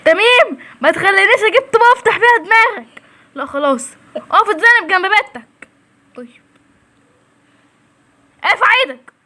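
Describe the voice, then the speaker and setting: A woman with an Egyptian accent playing a stern woman who scolds a child in a sharp, threatening way. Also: very high voice, animated, normal speed, long pauses, full character voice. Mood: scolding.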